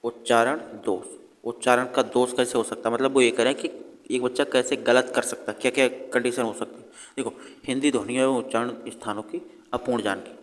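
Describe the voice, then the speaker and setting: A man's voice: medium pitch, fairly even intonation, a little fast, in a large hall. A man teaching an exam revision lesson, asking questions and answering them himself. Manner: explains by asking and answering his own questions.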